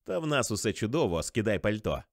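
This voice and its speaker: A man's voice: fairly low pitch, big pitch swings, fast, dry recording, studio quality. A jovial tipsy teacher, as a male reader puts him on. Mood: hearty, joking. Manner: joking, expansive.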